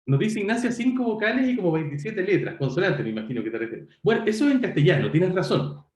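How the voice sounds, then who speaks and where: A man's voice: high voice, big pitch swings, fast talker, a little mellow, reverberant. A man giving an online university lecture, talking conversationally to students and correcting himself as he goes. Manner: conversational, self-correcting, addresses students directly.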